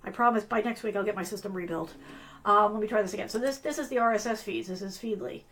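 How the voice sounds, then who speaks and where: A woman hosts a live business analyst show, giving a casual live-stream tutorial while losing her voice. She's chatty and apologetic, full of fillers and restarts, speaking quickly at a medium pitch with a slightly bright tone and slight background noise.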